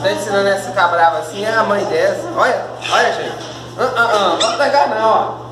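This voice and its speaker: A woman talks to her puppies at home in a soothing, coaxing way, repeating herself over and over. Her voice sits in the middle of the range. The recording is echoey, and loud background noise runs under it. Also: mid-range voice, fairly quick. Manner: coaxing, repetitive soothing talk to dogs. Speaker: dog owner filming her puppies. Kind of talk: casual home video.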